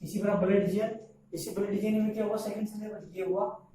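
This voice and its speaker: A man's voice: high voice, steady tone, brisk, warm tone, slight background noise. Echoey distant male teacher. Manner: repeats questions and answers them himself. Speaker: English teacher. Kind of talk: classroom-style video lesson. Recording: echoey room recorded from a distance.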